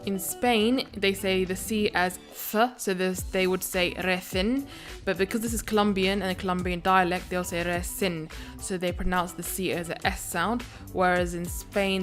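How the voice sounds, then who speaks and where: A woman's voice: fairly low pitch, fairly even intonation, moderate pace, few pauses, faint music behind. A woman teaching a language video lesson. She explains phrases methodically and breaks them down step by step.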